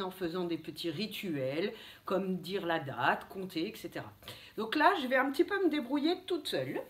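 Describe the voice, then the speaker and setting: A woman teaching a video lesson to young children as a preschool teacher, in a lively, sing-song teacherly way. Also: fairly high pitch.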